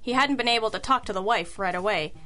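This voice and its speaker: In an old-school radio drama, a woman plays a sharp, wry private detective, delivering her lines crisply and matter-of-factly with compassion beneath the surface. Her natural, mid-range voice moves at a quick pace over soft background music.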